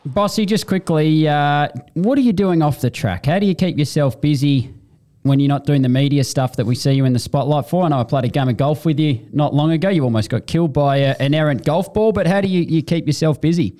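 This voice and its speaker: A man's voice: fairly high pitch, brisk, warm tone. A man hosting a racing show, upbeat and friendly.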